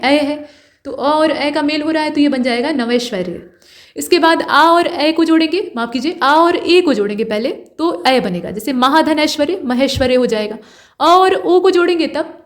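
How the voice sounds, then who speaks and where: A woman teaching a grammar lesson for exam preparation, explaining step by step and repeating key points. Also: high voice.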